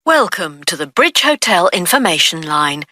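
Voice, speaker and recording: A hotel information line announcer delivers a recorded phone message. Her voice is bright and very animated in pitch, with formal, promotional phrasing and a dry studio sound. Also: normal speed, dry recording, full character voice. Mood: polished, promotional. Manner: formal, promotional, clearly enunciated reading.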